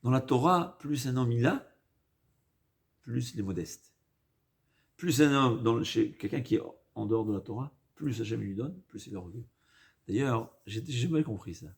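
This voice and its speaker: A man with a foreign accent in French, not his native language, giving an informal Torah lesson, haltingly repeating and rephrasing and mixing in Hebrew quotations. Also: mid-range voice, animated, creaky. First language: not a native French speaker. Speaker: rabbi giving a religious lesson.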